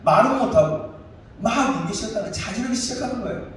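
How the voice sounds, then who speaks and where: Guy pastor telling a story in a sermon, kinda high voice, lots of echo, faint hiss. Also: fast. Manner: animated storytelling, acts out his own shouting. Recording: echoey room, distant mic, faint noise.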